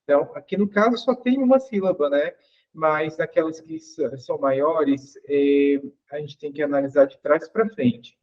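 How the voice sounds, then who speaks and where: A man's voice: a little high, moderate pace, lo-fi sound. A man teaching English grammar in an online class. He explains patiently, asks the class questions and repeats each example.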